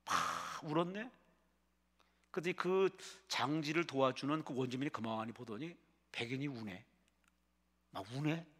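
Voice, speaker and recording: A male pastor delivering a dramatic sermon, swinging between loud, fervent exclamations and hushed, storytelling passages. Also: medium pitch, a little slow, pauses often. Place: prayer retreat sanctuary. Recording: long hall reverb.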